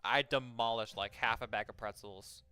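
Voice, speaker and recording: A man's voice: medium pitch, fairly even intonation, moderate pace, pushed and bright, clear, resonant tone, faint music behind. A young man streaming a game, chatting casually and reading game text aloud, rambling with many fillers and restarts and swearing freely.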